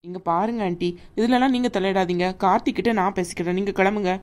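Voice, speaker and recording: A woman's voice: medium pitch, fast talker, darkish tone, natural voice. A woman voicing a haughty young fiancée in a cartoon, talking back defiantly. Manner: defiant, dismissive. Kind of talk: animated cartoon voice acting.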